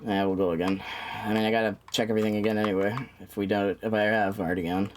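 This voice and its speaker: A man's voice: on the low side, little pitch movement, fast, a little hiss or hum. A man streaming a game, chatting casually, swearing and muttering to himself. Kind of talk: casual livestream chat.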